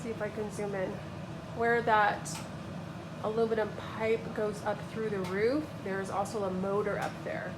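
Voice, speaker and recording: A woman's voice: mid-range voice, level tone, normal speed, background noise. Woman patiently demonstrating a kiln. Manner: patient, plain instructional. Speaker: instructor. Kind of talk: step-by-step demonstration. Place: kiln room. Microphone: phone held while filming.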